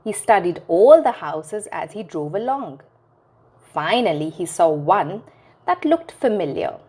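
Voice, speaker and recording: Expressive woman reading a kids' story. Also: on the low side, measured pace, slightly rough. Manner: expressive, sing-song storytelling to children. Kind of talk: reading a children's picture book aloud.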